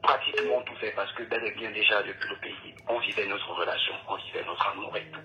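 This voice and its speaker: A man's voice: lowish voice, fairly even intonation, brisk. A young man calling an advice show by phone, hesitant and polite with many ums, emotional and near tears. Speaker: caller. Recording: dull phone line, faint noise.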